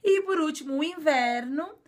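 Brazilian woman, high voice, casual video teacher who repeats and explains patiently. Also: animated. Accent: Brazilian Portuguese. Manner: explains slowly and repeats words, frequent filler "é". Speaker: language teacher.

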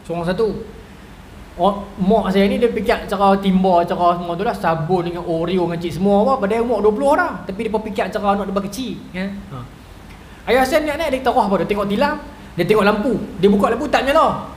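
A man's voice: high-pitched, fast talker. Chatty northern Malaysian preacher man. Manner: chatty, storytelling, keeps asking the audience "right?". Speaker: religious lecturer. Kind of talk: humorous mosque lecture. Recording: echoey hall with faint noise.

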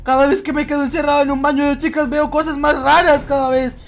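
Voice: sits high, level tone, quick pace. A gamer improvising a comic roleplay, muttering asides and exclaiming dramatically.

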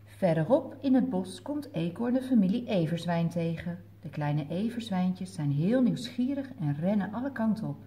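A woman with a Dutch accent reading picture books aloud to toddlers in a gentle way, asking the children questions. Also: lowish voice, animated. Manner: gentle, slow storytelling that asks the children questions. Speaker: children's story reader.

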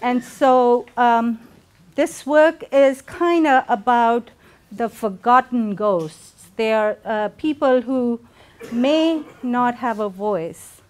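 Filmed at a distance in a spacious gallery, this middle-aged artist from Pakistan reflects aloud, pausing often and using fillers. She speaks a little high.

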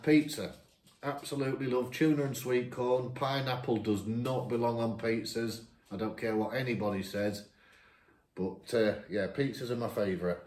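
A chatty YouTuber from Lincolnshire, England answers viewer questions casually, reading each aloud and then laughing at himself as he replies. His voice is mid-range and mellow. He's seated at his home dining table, recorded by a camera opposite him in an echoey room.

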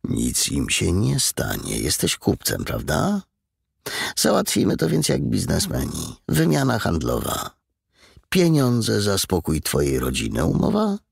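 A man's voice: deep voice, wildly swooping pitch, a little slow, vocal fry, slightly rough, no echo, clean studio sound, voice pushed up, heavily acted. A man voicing a brutal, menacing male bandit leader who gives commands and threats in a cold, businesslike way.

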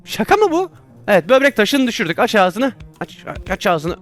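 A man's voice: sits high, big pitch swings, normal speed, a bit bright, faint music behind. A man playing a virtual reality doctor game, commenting casually and exclaiming and laughing at his own mistakes. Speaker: VR gameplay streamer.

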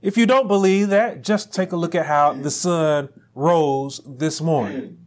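A pastor with a high-pitched voice preaches slowly and deliberately, letting each phrase land. He climbs to near shouts when he stresses a point. He is recorded on a lapel mic in a small church room. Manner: rising to near shouts on emphatic lines, slow deliberate phrasing. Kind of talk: sermon.

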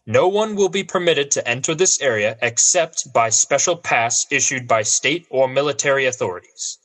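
A man's voice: medium pitch, normal speed, fairly bright tone, lightly acted. A man playing a stern army general reading an official statement in a radio play. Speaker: brigadier general.

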